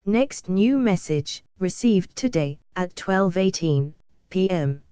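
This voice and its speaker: A woman voicing a mechanical answering-machine announcer, slow, clipped and flat. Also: on the low side, clear, resonant tone, no room sound.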